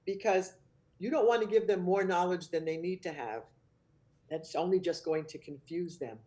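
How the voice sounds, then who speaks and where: Woman with a mellow, calm teaching voice. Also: lowish voice, moderate pace. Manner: calm, earnest explanatory delivery with gentle modeled phrases. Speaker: child care trainer. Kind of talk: instructional webcast talk.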